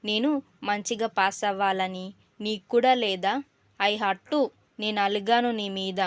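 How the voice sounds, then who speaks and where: A woman's voice: mid-range voice, fairly even intonation, measured pace, clean tone, no room sound, natural voice. A woman voicing a dramatic young female student who whines and pleads tearfully in a storybook. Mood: melodramatic whining. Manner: whiny, melodramatic pleading.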